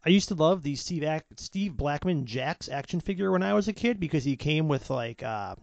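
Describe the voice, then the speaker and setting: A man's voice: on the high side, lively intonation, moderate pace, gravelly, no echo. A man co-hosting a podcast, chatting casually and rambling with lots of restarts while watching wrestling. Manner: rambling, self-interrupting, chatty. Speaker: podcast co-host. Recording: dull lo-fi podcast audio.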